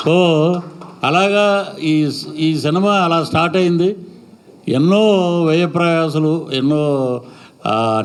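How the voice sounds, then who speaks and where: A middle-aged man speaking at a film event on stage, rambling and full of praise, sometimes acting out lines of dialogue. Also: fairly high pitch. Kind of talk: stage speech at a pre-release event.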